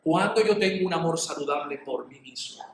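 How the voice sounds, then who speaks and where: Man, middle-aged, pastor, animated sermon, echoey room. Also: on the high side, a little fast, slight background noise. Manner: animated, acts out little dialogues.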